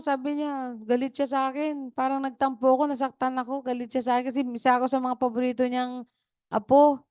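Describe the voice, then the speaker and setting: A woman pastor preaching over a video call, her voice smooth and fairly high. She speaks conversationally, mixing in stories and quick tag questions. The sound is dry and close. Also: darkish tone, no echo. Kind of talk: sermon.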